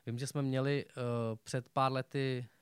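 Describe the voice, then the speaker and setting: A man's voice: mid-range voice, level tone, clean tone, no room sound. A young man chatting as a talk show guest, rambling along with many fillers and restarts. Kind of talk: casual chat.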